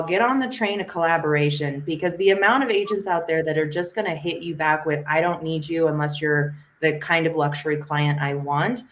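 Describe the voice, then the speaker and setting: Casting: woman, podcast guest, lively storyteller, lowish voice. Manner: animated storyteller, acts out quotes in a high voice. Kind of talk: casual podcast chat.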